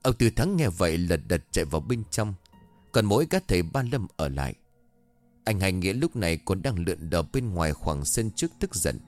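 A man narrating a horror story in a dramatic, expressive way. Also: low-pitched, a little fast. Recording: faint background music.

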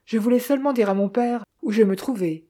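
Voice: medium pitch, a little fast, warm tone, voice pushed up, lightly acted. A reader voicing a young, idle male heir who speaks in an offhand, detached way.

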